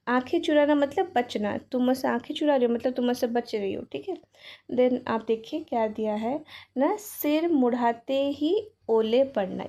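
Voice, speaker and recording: A woman's voice: sits high, dark tone, muffled recording. A woman teaching a Hindi grammar lesson, mixing English into her explanations and giving example sentences. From Odisha, India.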